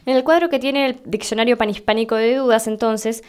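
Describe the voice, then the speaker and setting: A woman with an Argentine Spanish accent giving a slow, deliberate explanatory lesson, spelling things out for her listeners. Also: a little high, fairly even intonation, clear, resonant tone. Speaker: Spanish teacher.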